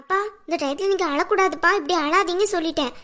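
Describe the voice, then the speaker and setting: A woman voicing a gentle young woman who soothes and pleads with her sick father-in-law. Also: very high-pitched, fast talker. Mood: pleading.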